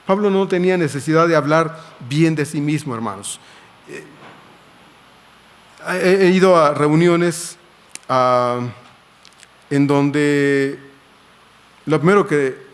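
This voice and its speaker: A man's voice: on the high side, slow pace, long pauses. A middle-aged male pastor, preaching a sermon in a conversational way, telling anecdotes and asking rhetorical questions.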